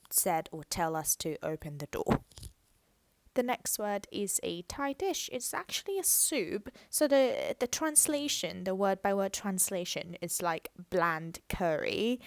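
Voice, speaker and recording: A woman with a fairly low voice teaches a language lesson, explaining patiently step by step and repeating words so listeners can practice. Her narration is slow and careful, and there's no echo.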